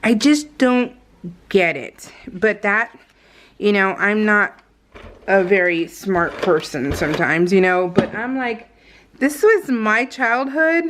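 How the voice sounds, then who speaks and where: A woman craft vlogger chats casually while going through her scrapbook pages, giggly and meandering. Her mid-range voice is a bit bright, and she takes things slowly.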